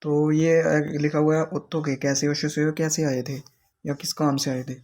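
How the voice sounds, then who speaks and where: Male teacher, even flat delivery, slow repetitive explanations. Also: on the high side. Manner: explains each word slowly and repeats it. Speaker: Korean language teacher. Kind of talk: explaining vocabulary in a lesson.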